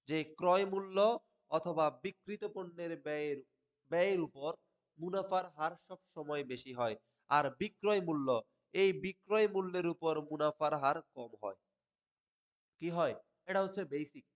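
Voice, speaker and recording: Man, online accounting tutor, repeats and quizzes, somewhat high pitch, dull lo-fi sound. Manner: repeats key points and quizzes the class. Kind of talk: live online class lecture. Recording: dull lo-fi livestream audio.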